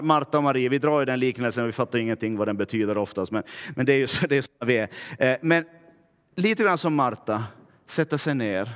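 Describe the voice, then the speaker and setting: Finland-Swedish pastor preaching in a hall. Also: male voice, fairly high pitch. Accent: Finland Swedish, Närpes. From Närpes, Finland. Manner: conversational preaching, often asks "va?". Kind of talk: sermon. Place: church.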